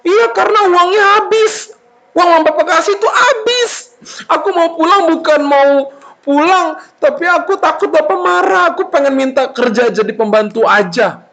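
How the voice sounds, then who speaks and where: A hungry young son, high and whining, sobbing through his words, as a man puts him on. The voice swoops up bright and sharp with lively swings, like a storyteller acting for children. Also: moderate pace, heavily acted. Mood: pleading. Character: poor hungry young son, whiny and tearful.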